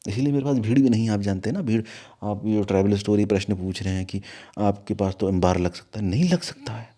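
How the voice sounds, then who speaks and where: Low, mellow man; spiritual teacher recounting an incident, animated and scolding in turns. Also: fast talker. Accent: Hindi, from north India. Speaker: guru of an ashram. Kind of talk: storytelling in an interview.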